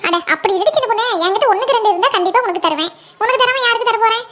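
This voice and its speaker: Rich: A very high, piping voice rattles off lines at breakneck speed, as a woman voices a worried village mother for a cartoon. She speaks, pleading and moralizing with her younger neighbor. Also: racing, fairly bright tone. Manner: pleading, moralizing, calls friend by nickname. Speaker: cartoon voice actor. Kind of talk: comic cartoon dialogue.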